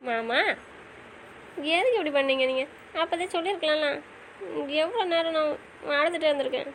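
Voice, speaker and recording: A woman's voice: sits high, moderate pace, a little hiss or hum, low-quality recording. A woman playing a wife in an audio drama, pleading and pressing with questions. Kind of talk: casual audio drama acting.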